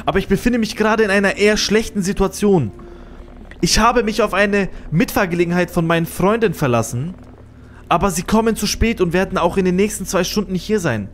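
A man's voice: sits high, brisk, soft background music, pitched above the performer's own voice, natural voice. A man voicing a menacing male stalker who pleads falsely and then threatens. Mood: pleading. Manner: sneering, threatening, falsely friendly.

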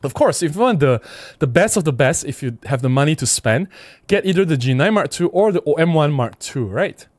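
Chatty man hosting a livestream, higher voice. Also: animated, brisk, no room sound, studio quality. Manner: chatty, reads comments aloud, frequent "right?" and laughs. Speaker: photography livestream host. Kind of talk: casual livestream chat reading viewer comments.

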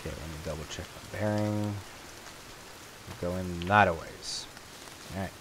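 A man's voice: sits low, normal speed. Man chatting through gameplay over noisy ambience. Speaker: host of a gaming video series. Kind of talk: casual co-op gameplay chat.

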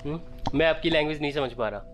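A slightly high, bright-toned man talks in rapid bursts, with faint music in the background. He's a travel vlogger from Patna, Bihar, India, chatting casually and curiously, asking questions and repeating words. He's filmed on a handheld camera held at arm's length in a small village house and the snowy lanes outside.

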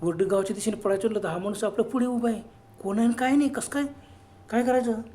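A man's voice: high-pitched, steady tone, fast, dark tone, close to an everyday voice. A man voicing a tipsy, jittery adult village man who rambles nervously in a horror story.

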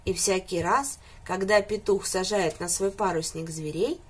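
Woman reading a children's tale, slightly husky. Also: mid-range voice, unhurried. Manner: lively, expressive reading.

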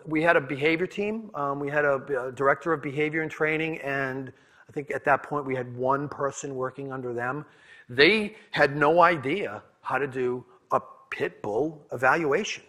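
A conference speaker with a Boston accent, originally from New England, tells candid stories during a presentation in a conference room, frequently repeating and restarting words. His mid-range voice comes across pushed and bright.

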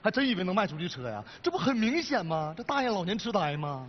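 Brusque manager, rapid-fire. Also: male voice, high voice, sing-song, a little hiss or hum. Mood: scornful. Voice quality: curt, bossy. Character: brusque male dealership manager. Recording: muffled audio with long hall reverb.

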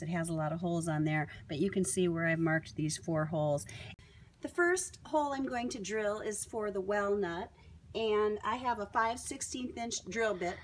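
A woman walks through a hardware installation step by step, talking plainly as she works with her hands. Her voice sits at an ordinary middle pitch. It is picked up by a camera mic outdoors, with a faint hiss behind it. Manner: clear step-by-step explaining while working with tools. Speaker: product demonstrator. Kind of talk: instructional how-to demonstration.

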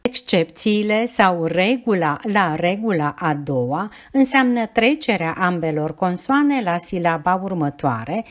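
A woman as a teacher, reading a scripted grammar lesson in a clear, measured, explanatory way. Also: fairly low pitch, lively intonation.

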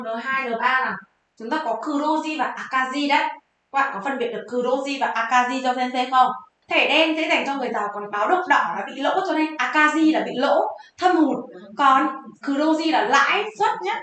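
A high-voiced woman teaches Japanese exam vocabulary. She quizzes her viewers and answers her own questions in a lively, chatty way. Her voice rings out in a strongly echoing room. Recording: very echoey room.

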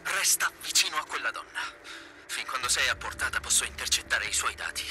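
A man's voice: medium pitch, lively intonation, brisk, bright, forceful tone, faint music behind. A man voicing a curt, secretive government handler who speaks over a walkie-talkie radio in dubbed video game dialogue. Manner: clipped, terse, commanding.

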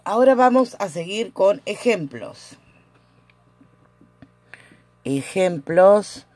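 A woman teaching a casual language lesson at home, patiently repeating each example with frequent "eh" pauses. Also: low voice, animated, dry recording.

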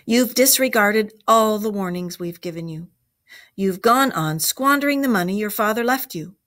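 A woman's voice: mid-range voice, animated, normal speed, fairly bright tone, pitched above the performer's own voice, lightly acted. A woman voicing a firm, stern elderly male badger in a storybook read-aloud.

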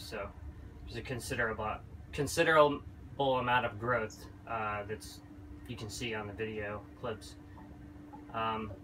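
A young man with a bright, clear voice talks casually in a video diary. He rambles easily and fills gaps with ums and uhs. His voice sits a little back from the mic, with a faint hiss of noise behind it. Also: medium pitch, distant mic, poor audio. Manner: relaxed, rambling, with many fillers. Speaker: vlogger and boat owner. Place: small wooden boat cabin.

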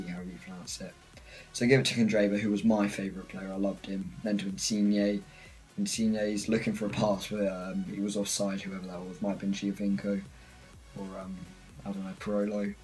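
A man's voice: on the low side, darkish tone, husky, rough recording. A British man giving a casual, rambling, self-mocking voice-over on his own football gameplay. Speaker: gaming channel host.

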